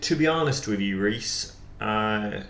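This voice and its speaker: A man voicing a stiff, deadpan conspiracy theorist who states each absurd belief slowly and formally, as if reading out settled fact. His voice sits a little low, and the room rings with a noticeable echo. A faint hiss runs underneath. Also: vocal fry, exaggerated voice. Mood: stubborn deadpan. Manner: slow, formal, flatly insistent. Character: deadpan male conspiracy theorist denying France exists. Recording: roomy echo, faint background noise.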